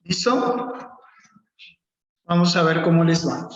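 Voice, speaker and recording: Slow-spoken man teaching a class. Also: fairly high pitch. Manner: slow, instructive, calls on students by name. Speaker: preaching workshop teacher. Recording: echoey, dull lo-fi room sound.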